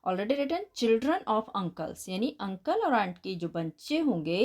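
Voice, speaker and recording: A woman teacher with an Indian accent explaining a children's lesson, dictating English slowly and explaining quickly in Hindi, spelling words letter by letter and addressing the children as 'beta'. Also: mid-range voice, sing-song, darkish tone. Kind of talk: bilingual classroom lesson explaining answers.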